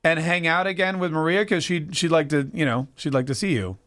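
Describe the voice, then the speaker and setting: A man's voice: fairly high pitch, brisk, fairly bright tone. A man hosting a morning radio show who is upbeat and teasing, joking as he talks with callers. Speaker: radio host.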